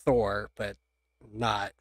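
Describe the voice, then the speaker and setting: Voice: mid-range voice, little pitch movement, drawn-out words, no echo, studio quality. A game master narrating a tabletop role-playing game in a casual chat, laughing often between lines. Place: home streaming setup.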